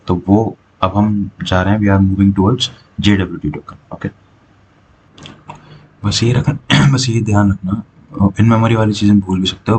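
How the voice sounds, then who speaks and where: A man with a very low voice gives a casual coding lesson, talking through each step and checking in often with short asides. A faint hiss of noise sits under the recording. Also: poor audio. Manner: explains step by step with frequent "theek hai" check-ins and fillers. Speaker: programming teacher.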